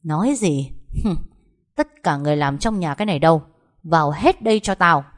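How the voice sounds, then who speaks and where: A woman voicing a hot-tempered young master of a rich house who shouts threats. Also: sits high, very animated, a little slow, heavily acted. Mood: furious.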